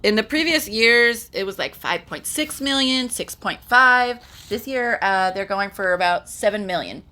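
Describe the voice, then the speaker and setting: A woman's voice: mid-range voice, lively intonation, measured pace, bright, forceful tone. A middle-aged woman from Texas, hosting a podcast and telling stories in a chatty way with many fillers. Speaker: podcast host. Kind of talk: casual chat.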